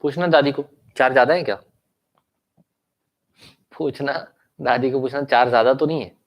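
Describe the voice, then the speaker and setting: In an online law lecture, a young Indian man speaks at a moderate pace with medium pitch and fairly even intonation. He has a sore throat and coughs occasionally, switches between Hindi and English, and checks in with students using tag questions.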